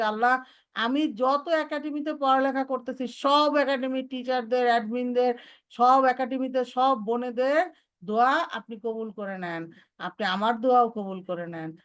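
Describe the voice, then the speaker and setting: A woman teaching Quran recitation, drilling letter sounds slowly and mixing in English phrases. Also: on the high side. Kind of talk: online tajweed lesson.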